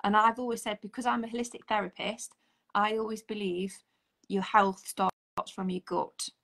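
A woman's voice: mid-range voice, fairly even intonation, normal speed, gravelly, a bit bright. A woman in her forties, a holistic therapist, chatting earnestly as a guest on a video call. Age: 40s. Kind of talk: casual video-call chat. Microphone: video call, audio only.

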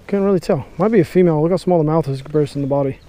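A young man, chatting excitedly from a bass boat on a lake while he fishes and films himself on an action camera. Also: very fast, no echo. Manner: excitable, chatty, lots of exclamations. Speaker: fishing vlogger. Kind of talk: casual outdoor chat while fishing. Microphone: action camera mounted on the boat.

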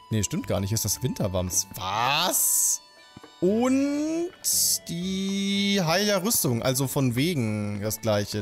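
Animated man commenting on gameplay. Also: mid-range voice. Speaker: let's play host. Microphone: desk microphone close to the mouth. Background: game music.

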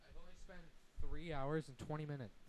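A man's voice: on the high side, brisk, darkish tone, slight background noise. A teenage boy co-hosting a podcast, matter-of-fact as he talks about his gaming. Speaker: podcast co-host. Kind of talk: casual chat.

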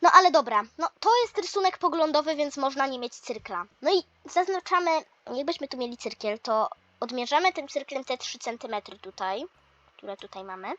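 A patient male math teacher walks his class through compass drawings step by step, teasing gently now and then, as a woman voices him. The voice sits high. The recording is dull and lo-fi. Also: animated, normal speed. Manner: explains step by step, mildly teasing. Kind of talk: toy role-play lesson.

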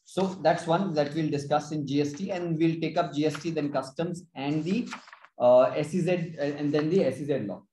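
A man with an Indian accent gives an explanatory webinar presentation in a slightly high voice. He moves haltingly, restating phrases as he goes. The audio is roomy and echoing. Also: dark tone, slight background noise. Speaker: tax consultant presenting a webinar.

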